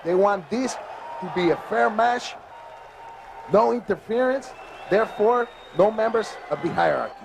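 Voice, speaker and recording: A man's voice: high voice, animated, normal speed, vocal fry. A man giving emphatic play-by-play wrestling commentary, heard from a worn VHS tape copy. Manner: emphatic, repeats "ladies and gentlemen". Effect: worn VHS tape copy with hiss. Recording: worn tape hiss over loud arena crowd. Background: cheering wrestling crowd.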